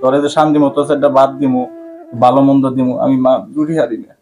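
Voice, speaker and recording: A man's voice: mid-range voice, flat delivery, fast talker, a little mellow, close to an everyday voice. A man playing a poor widowed laborer father who laments his hardship aloud. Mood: lamenting. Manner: lamenting, pleading to God. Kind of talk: amateur village drama acting.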